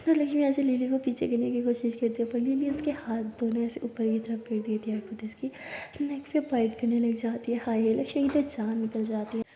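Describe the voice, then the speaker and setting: A woman telling a love story in whispered role-play, narrating in an intimate, breathy whisper. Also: a little high, steady tone, brisk, dark tone, muffled recording. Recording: roomy reverberant echo.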